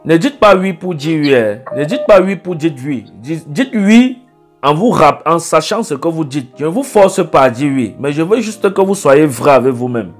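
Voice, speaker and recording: A man's voice: fairly high pitch, expressive, moderate pace, faint music behind. A man acting as a prophet in a call-in consultation, scolding the caller insistently and repeating himself.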